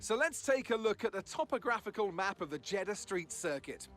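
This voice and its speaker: A man's voice: high-pitched, sing-song, a little fast, a bit bright, faint music behind. A man voicing a lead motor-race commentator in a video game, giving polished, upbeat scripted broadcast commentary. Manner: upbeat, polished presenter delivery.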